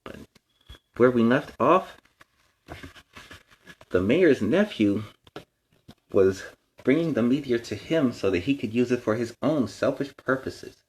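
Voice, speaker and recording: A very animated, friendly superhero storyteller in the mold of a young masked hero, played by a man. His pitch is mid-range and swings widely as he reads to children. He chats in asides and explains things simply. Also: measured pace, pauses often, close to an everyday voice, low-quality recording. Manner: kid-friendly, explains words and gives advice.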